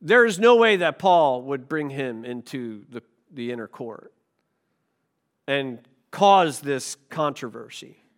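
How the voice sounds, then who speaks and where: A man preaching a sermon to a congregation in a conversational way, asking the room questions and swinging between loud stresses and quiet asides. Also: medium pitch, animated, slow. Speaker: pastor.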